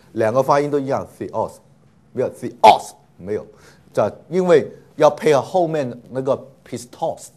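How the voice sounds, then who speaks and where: A man teaching a classroom lesson, speaking in with mixed in. He talks patiently, fills pauses with drawn-out "ah" sounds, and repeats each word for his students. His voice sits at an ordinary pitch. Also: mellow. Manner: patient, many filler 'ah' sounds, repeats words for students. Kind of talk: classroom lecture.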